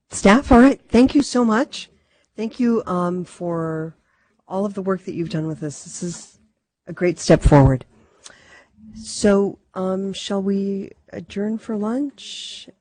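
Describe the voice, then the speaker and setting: A woman chairing a public commission meeting from a table microphone, speaking in formal, measured procedural phrases. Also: medium pitch, darkish tone, no room sound.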